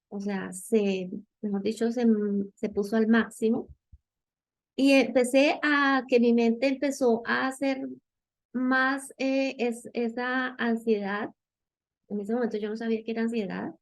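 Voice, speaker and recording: A woman's voice: a little high, creaky, darkish tone, no room sound. Hesitant woman telling her story. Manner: hesitant, searching for words with many fillers. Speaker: guest. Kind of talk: personal testimony.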